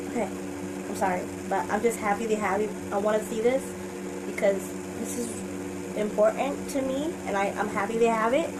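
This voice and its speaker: A woman's voice: medium pitch, moderate pace. A young woman in her twenties chatting casually as a reaction vlogger, rambling and apologetic with many fillers. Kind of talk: casual chat. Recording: audible background noise.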